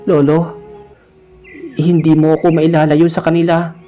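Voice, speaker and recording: A man's voice: on the high side, monotone, a little slow, soft background music, pitched above the performer's own voice, lightly acted. A man voicing a frightened little girl who is half creature, pleading in fear. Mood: fearful. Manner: pleading, fearful. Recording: dull lo-fi recording.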